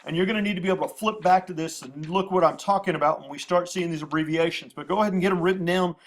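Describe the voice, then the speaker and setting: A man's voice: high voice, quick pace. A man teaching a lesson at a whiteboard, patiently repeating terms and spelling out abbreviations. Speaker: math teacher. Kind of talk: classroom lecture at a whiteboard.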